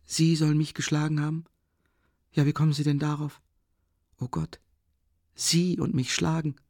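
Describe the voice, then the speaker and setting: A man voicing a timid, anguished young woman who pleads in a breathy, rising voice, in a dry audiobook reading. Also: a little high, lively intonation, moderate pace, a little mellow, no room sound, voice pushed up, exaggerated voice. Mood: pleading, distraught.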